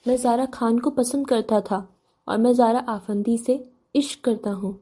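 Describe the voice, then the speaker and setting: Calm young man in love, read by a woman. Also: on the high side, husky. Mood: calm tender. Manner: calm, soft-spoken lines.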